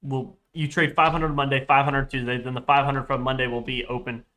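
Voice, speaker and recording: The audio is poor in this clip of a young man chatting casually on a live trading stream. His mid-range, congested, stuffy voice has a level, sharp tone and a slightly fast pace as he reads chat aloud, rambles, and corrects himself.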